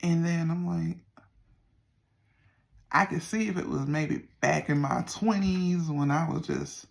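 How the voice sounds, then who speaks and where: A middle-aged person with a Southern US accent and a creaky voice, chatting casually to viewers in a folksy, meandering way. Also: medium pitch, takes it slowly. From Southern United States. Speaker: vlogger. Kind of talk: casual rambling check-in to viewers.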